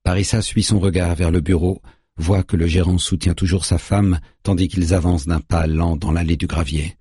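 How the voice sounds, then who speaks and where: Very husky deep male narrator. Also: steady tone, moderate pace, dark tone, no room sound, clean studio sound. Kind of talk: audiobook narration.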